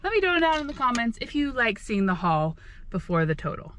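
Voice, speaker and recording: A woman's voice: on the high side, very animated, fairly quick, a bit bright, slight background noise. A woman in her thirties hosting a casual shopping vlog, chatty and upbeat, talking straight to her viewers from her car and kitchen. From Alaska. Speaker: vlog host. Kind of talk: casual shop-with-me vlog chat. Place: car, then home kitchen.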